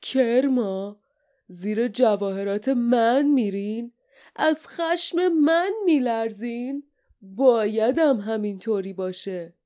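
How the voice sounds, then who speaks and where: A woman voicing a giant, boastful, cruel male toad monster in an audiobook, talking slowly with a menacing growl. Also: dark tone, close to an everyday voice. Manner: slow, booming, menacing growl.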